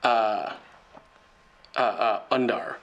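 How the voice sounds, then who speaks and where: A man's voice: lowish voice, expressive, drawn-out words, gravelly, fairly bright tone, dull audio. Chatty man playing a tabletop game. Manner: chatty, hesitant, with fillers. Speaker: player. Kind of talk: casual tabletop play.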